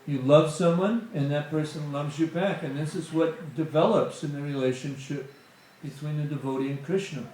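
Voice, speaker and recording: In a very echoey temple hall, a middle-aged man speaks as a guest at a satsang, giving a conversational spiritual talk sprinkled with "you know" asides. His voice is on the high side, slightly mellow and fairly even, at a moderate pace with hardly any pauses.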